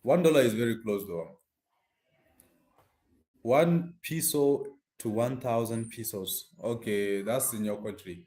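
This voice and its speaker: Speaking to live viewers in a relaxed, slang-filled way, this Nigerian streamer has a mid-range, mellow voice and a measured pace. He's recorded indoors in a room with noticeable echo, and his Nigerian accent comes through clearly.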